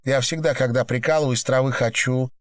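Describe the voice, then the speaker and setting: A man voicing an excitable, tipsy teenage girl at a club, talking quickly and brashly in a raised voice. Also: mid-range voice, pitched above the performer's own voice, lightly acted. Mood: eager.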